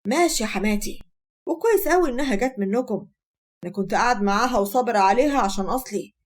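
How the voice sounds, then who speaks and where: A woman's voice: on the high side, expressive, quick pace. A woman voicing a brash, defiant young Egyptian husband who mocks his mother-in-law. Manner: defiant, mocking.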